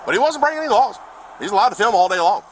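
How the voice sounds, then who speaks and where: Fast-talking police officer on body cam. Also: male voice, high-pitched, expressive, rough recording. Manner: chatty, explains things in a rush. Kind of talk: on-duty conversation on body cam. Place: outdoors on a street by a bank. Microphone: body camera. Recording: body cam with faint street noise.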